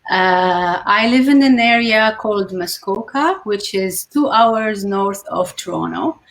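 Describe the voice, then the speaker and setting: A woman, hosting a casual talk show over a video call and pausing often on fillers. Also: medium pitch. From Lebanon. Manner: unhurried, many filler pauses. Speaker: host.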